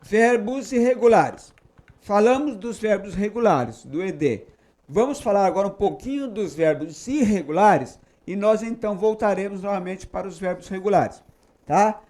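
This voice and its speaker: A Brazilian man with a high-pitched voice teaches English grammar in a patient explanatory style. He repeats each English example sentence slowly. He keeps checking in with short "tá?" and "ok?" tags. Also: darkish tone. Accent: Brazilian Portuguese.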